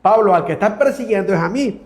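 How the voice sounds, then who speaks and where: Male TV preacher, high voice, reads Bible passages, fervent asides, calls listeners brother. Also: expressive, fast, a little mellow.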